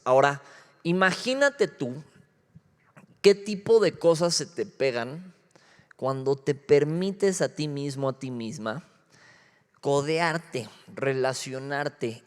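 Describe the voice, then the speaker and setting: A young man with a Mexico City accent preaches a casual youth sermon. He jokes, uses slang and keeps asking his listeners whether they follow. His fairly high voice rings out in a hall with long reverb. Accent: Mexico City Spanish. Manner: joking, slangy, peppered with rhetorical check-ins. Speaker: youth pastor.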